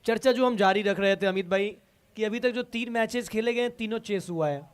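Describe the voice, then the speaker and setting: A man's voice: high voice, fairly quick, clean tone. A man commentating on live cricket, discussing the match with a partner and addressing viewers. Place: commentary box at a cricket ground.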